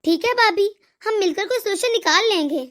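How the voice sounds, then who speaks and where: A woman voicing a caring young sister-in-law in an animated moral story, calm and reassuring. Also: very high-pitched, fairly quick.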